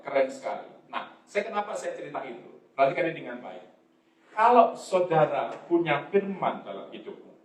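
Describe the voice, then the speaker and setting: A man preaching a sermon as pastor with an Indonesian accent, lively, urging the congregation to read along aloud. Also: sits high. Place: church hall. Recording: echoey church hall, mic at a distance.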